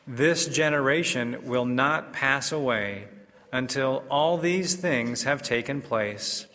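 A priest with a bright, clear voice of middling pitch reads the gospel and then preaches, measured and unhurried. His words ring out in a large church and trail off in a long, cathedral-like echo. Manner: measured and unhurried, with a few fillers and restarts in the homily. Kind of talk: gospel reading and homily.

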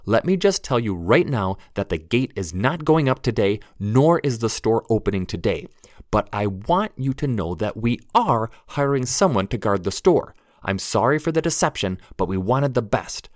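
A man voicing a small, bold young woman who gives brisk, commanding orders. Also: mid-range voice, big pitch swings, dry recording, clean studio sound, natural voice.

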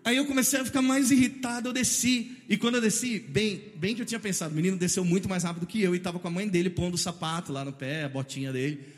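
A man in his thirties with a Brazilian Portuguese accent, telling a funny personal story in an animated way and acting out voices and sound effects. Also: high-pitched, quick pace, long reverb tail.

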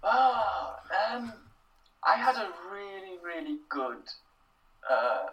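A young writer from Wales answers questions in a casual interview, thoughtful and self-deprecating, with plenty of fillers and restarts. His high voice is sing-song, slow, and a bit bright, recorded from a distance with the highs cut off.

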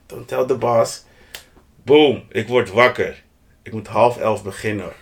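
A Dutch man co-hosting a podcast tells stories animatedly in a relaxed chat, slangy and mixing in English street phrases and sound effects. His voice is medium-pitched with vocal fry and a measured pace, over a little hiss or hum.

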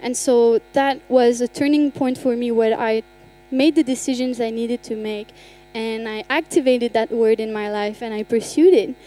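A young adult woman pastor telling a personal testimony in a sermon, acting out the conversations with animated storytelling. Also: on the high side, normal speed, few pauses, low-quality recording. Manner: animated storytelling, acts out dialogue. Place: church.

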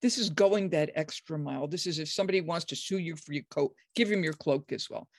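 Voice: fairly quick, dry recording. Emphatic scholar with dry close sound. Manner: acts out quoted speech with sudden high pitch jumps; emphatic, enthusiastic, frequent restarts. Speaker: biblical scholar, guest. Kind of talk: animated explanatory conversation.

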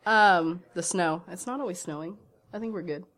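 A woman arguing as a contestant in a casual comic debate, halting and trailing off. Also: lowish voice, fairly bright tone.

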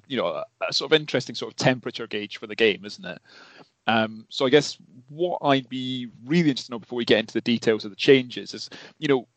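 A man hosts a casual podcast, his mid-pitched voice wandering through long questions padded with ums and "you know". The sound is close and dry, with no room around it. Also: a bit bright, no echo. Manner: rambling, filler-heavy questions. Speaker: podcast host.

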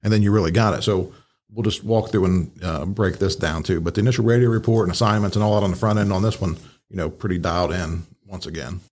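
A man's voice: deep voice, quick pace, a little mellow. A man in a casual technical discussion, explaining conversationally as an instructor and rephrasing as he goes. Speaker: fire command instructor, show regular.

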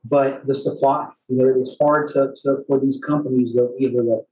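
Echoey man presenting to an audience, halting delivery. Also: medium pitch, steady tone, mellow. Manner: halting, with frequent repeated words. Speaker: utility company executive giving a presentation. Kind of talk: public presentation in front of an audience, spoken off the cuff. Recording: echoey room with faint background noise.

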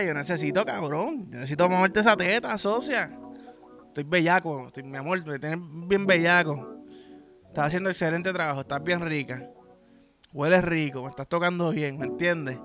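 A man's voice: fairly high pitch, a little fast, music in the background. A young man with a Puerto Rican accent, hosting a podcast in a crude, rambling comedic monologue full of slang. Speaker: podcast host.

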